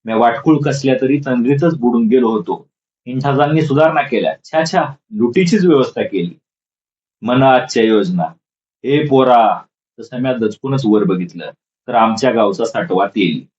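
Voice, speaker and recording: Man, storyteller, mid pitch, dull muffled recording. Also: moderate pace, a little mellow. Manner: voices characters with raised pitch for quoted calls. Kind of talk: dramatic story reading. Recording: dull lo-fi audio.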